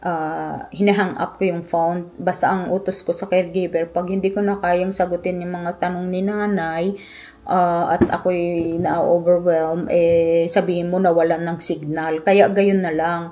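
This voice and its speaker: A woman's voice: on the low side, level tone, measured pace, warm tone. A middle-aged woman with a Filipino accent, telling a personal story in a vlog, emotional and reflective, switching between Tagalog and English. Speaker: vlogger.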